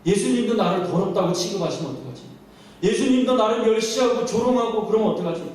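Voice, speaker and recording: A man's voice: high voice, animated, fast talker, darkish tone. A man voicing a frightened outcast woman who fears rejection, speaking her anxious inner thoughts. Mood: fearful. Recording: echoey hall from far off.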